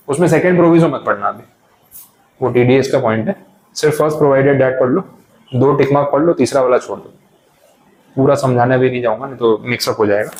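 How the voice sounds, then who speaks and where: A man's voice: mid-range voice, darkish tone, low-quality recording. A male tax lecturer in a classroom, explaining step by step in English.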